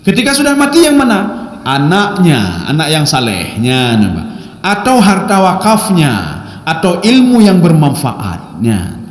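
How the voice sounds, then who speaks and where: Male preacher, high and lively voice, sermon in an echoey hall with long reverb. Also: measured pace. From Indonesia. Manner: lively lecturing, keeps adding "Pak"; recites Arabic Quran verses. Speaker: Islamic preacher. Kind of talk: sermon to a congregation.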